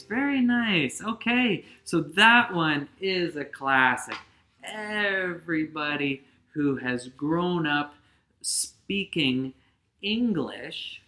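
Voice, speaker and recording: A man teaching kindergarten, gently coaching young children through songs and rhymes. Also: a little high. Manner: gentle, encouraging, sings along with guitar. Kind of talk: singalong lesson for young children.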